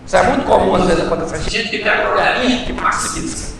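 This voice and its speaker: A man preaching a comic sermon in a church, telling stories in an animated way with loud, emphatic bursts. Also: high-pitched, fast, gravelly, background noise. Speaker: pastor. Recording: echoey church hall, mic far off.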